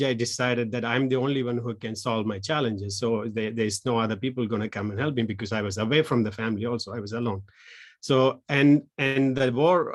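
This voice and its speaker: Giving an online presentation, this social entrepreneur from Sri Lanka, a man in his thirties, keeps stopping and starting over as he speaks haltingly. His voice sits in the mid range.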